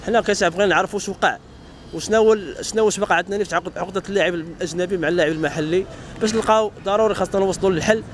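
A man's voice: high voice, rapid-fire, slight background noise. A man with a Moroccan accent giving an indignant street opinion, talking emphatically. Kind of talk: street vox pop interview.

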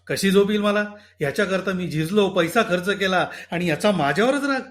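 A man reading as a bitter, quick-tempered father. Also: high-pitched, animated. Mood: grumbling. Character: embittered middle-aged father, quick-tempered and stern.

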